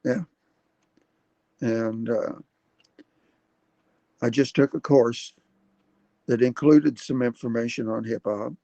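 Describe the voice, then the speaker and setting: A man in his seventies hosting a casual livestream from his computer at home, rambling and halting with many fillers. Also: mid-range voice, vocal fry, darkish tone, no echo, highs cut off. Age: 70s. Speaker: livestream host. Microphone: computer webcam mic.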